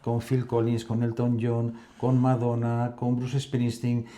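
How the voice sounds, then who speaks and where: A man's voice: mid-range voice, monotone, takes it slowly, mellow. A man hosting a casual interview, asking questions and offering brief affirmations while his guest talks. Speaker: host.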